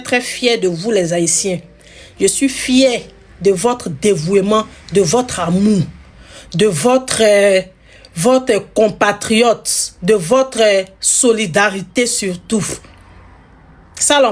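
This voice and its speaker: A woman from Ivory Coast hosting a live stream, teasing and scolding her viewers with much repetition. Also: on the high side. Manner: scolding, playful, repeats phrases.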